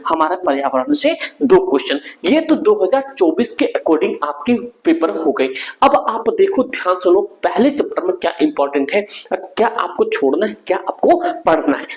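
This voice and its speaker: A man's voice: sits high, darkish tone, poor audio. A young man teaching an exam revision lesson in an informal, brotherly way, often checking that students follow along.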